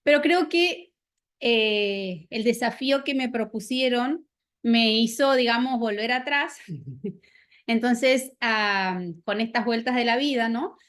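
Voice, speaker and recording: Lady, middle-aged, kinda high voice, lots of eh's and restarts, academic talk. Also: takes it slowly, fairly bright tone. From Argentina. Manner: thoughtful, hesitant, with many fillers and restarts. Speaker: academic speaker. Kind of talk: workshop talk.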